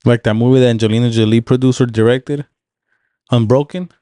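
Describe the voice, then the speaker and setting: A man's voice: medium pitch, steady tone, fairly quick, warm tone, no echo. A laid-back young man from Long Beach, co-hosting a casual podcast and cracking wisecracks. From Long Beach, California. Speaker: podcast co-host.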